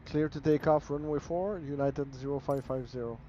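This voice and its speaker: A man acting as an airline pilot on a cockpit headset, reading back clearances in crisp, clipped radio phraseology and calling out takeoff checks. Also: medium pitch, fairly even intonation, moderate pace, mellow, a little hiss or hum, poor audio. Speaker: flight simulator player acting as airline pilot.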